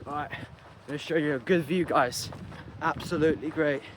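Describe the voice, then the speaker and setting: A man's voice: a little high, fairly even intonation, normal speed. A man chatting casually to camera and a friend while out running. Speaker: vlogger. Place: outdoors on a rocky coastal trail. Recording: noisy outdoor recording with ambience.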